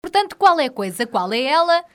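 A woman's voice: high-pitched, very animated, brisk. A woman with a European Portuguese accent co-hosting children's radio, chatting playfully to young listeners. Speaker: children's radio show host.

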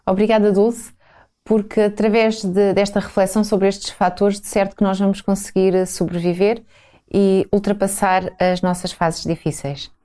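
Mellow-voiced Portuguese woman presenting on radio. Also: mid-range voice, flat delivery, normal speed. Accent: European Portuguese. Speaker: radio host. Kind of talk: scripted programme presenting and interviewing.

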